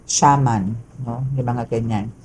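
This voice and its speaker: Low, mellow woman tarot reader. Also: slow, slightly rough, poor audio. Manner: chatty, peppers talk with "no?" and "okay?". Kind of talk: casual tarot reading monologue.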